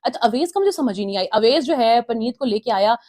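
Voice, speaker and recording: A woman's voice: a little high, animated, fairly quick, darkish tone. A woman giving a casual, opinionated review of a reality show episode, retelling the housemates' quarrels and mimicking their lines.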